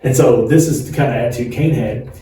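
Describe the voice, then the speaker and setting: A man's voice: medium pitch, fairly quick, mellow. A man in his forties co-hosting a podcast, talking casually in a chatty, rambling way and laughing often. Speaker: podcast co-host. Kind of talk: casual chat. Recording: echoey room, distant mic, faint hiss.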